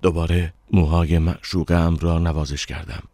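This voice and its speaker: A man with a very deep voice reads a dark story aloud, slow and somber. The recording is dry, with no room echo. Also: little pitch movement. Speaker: narrator. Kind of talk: dramatic audiobook narration.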